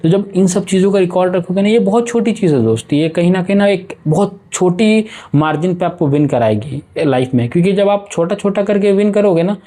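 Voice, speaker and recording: A young man talks to his viewers like a friend, coaching them through a casual self-improvement pep talk. His voice sits a little high for a man but has a mellow, warm tone. He slips English phrases into his talk. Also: expressive, fairly quick, hardly any pauses. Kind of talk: casual motivational talk to camera.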